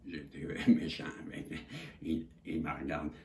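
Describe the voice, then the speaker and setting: A man with a Québécois accent telling viewers a story in a casual, animated and indignant way, swearing freely. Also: rumbling low, moderate pace. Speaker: channel host. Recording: echoey room with faint noise.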